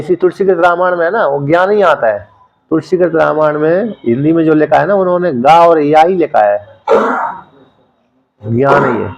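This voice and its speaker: A man lecturing on a Sanskrit text, explaining terms and repeating words slowly to drill their pronunciation. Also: on the high side, gravelly, a little mellow, highs cut off. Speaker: Sanskrit scripture teacher.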